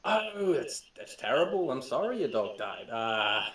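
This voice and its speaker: A man's voice: mid-range voice, very animated, unhurried, fairly bright tone. A man voicing a jittery, nervous young woman pilot with a British accent. She stammers and rambles in an overly chipper way, and the recording is roomy with a distant mic. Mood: nervous chatter.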